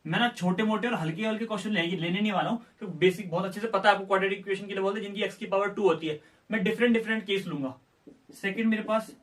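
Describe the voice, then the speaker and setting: Man, maths teacher, high voice, lesson style, asks and answers himself, mic a bit distant. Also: fairly bright tone. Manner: asks questions and answers them himself, voices students' doubts. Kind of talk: classroom lesson explaining step by step.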